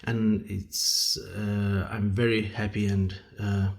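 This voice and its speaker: A man from Azerbaijan with an Azerbaijani accent, speaking as an interview guest in casual, halting English and searching for words. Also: lowish voice, level tone, vocal fry. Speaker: guest, musician and conductor.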